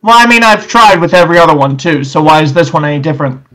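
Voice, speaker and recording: A young man in casual gameplay chat, explaining things in a halting, conversational way. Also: fairly high pitch, animated, a bit bright, soft background music, rough recording. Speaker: gaming challenge player.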